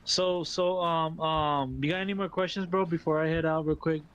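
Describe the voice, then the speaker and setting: Excitable New York man, higher voice. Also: moderate pace, smooth. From Brooklyn, New York. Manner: excitable, laughing, repeats words, says "bro". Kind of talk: casual gaming stream chat.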